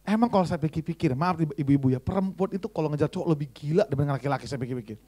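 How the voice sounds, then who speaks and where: Chatty, teasing preacher, a high-voiced man telling jokey stories in a sermon. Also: lively intonation, rapid-fire, dark tone. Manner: chatty, teasing, asks the congregation questions. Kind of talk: sermon with humorous anecdotes.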